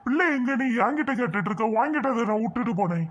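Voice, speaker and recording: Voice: medium pitch, expressive, very fast, natural voice. A performer playing a father at a fair in a home-made family skit, scolding at first and relieved once the child is found. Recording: muffled lo-fi recording, faint hiss.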